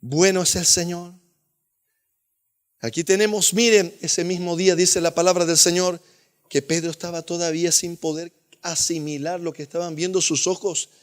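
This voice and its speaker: A male pastor preaching a sermon with fervor, swinging between loud exclamations and hushed asides and calling listeners beloved brother. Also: high voice, steady tone, normal speed.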